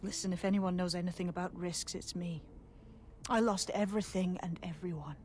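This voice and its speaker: A woman's voice: on the low side, fairly even intonation, extremely slow, darkish tone, a little hiss or hum. An actress playing a weary, determined female resistance leader in a video game, earnest and urgent.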